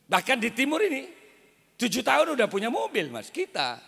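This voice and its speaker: A high-pitched nagging wife, as a male preacher puts her on, griping on and on and tacking "Mas" onto every line. Her voice sounds bright and tense. It echoes through a reverberant hall PA. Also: wildly swooping pitch, moderate pace, gravelly, husky, full character voice. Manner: complaining, repeats "Mas" at each line end. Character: nagging wife comparing her husband to neighbors.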